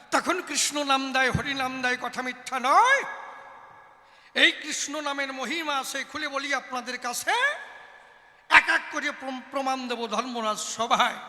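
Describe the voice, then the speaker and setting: A man's voice: very high voice, unhurried, sharp tone, big-room sound. A man from West Bengal performing kobi gaan, chanting and calling out to the audience in a sing-song, declaiming way. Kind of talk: sung and declaimed folk debate poetry.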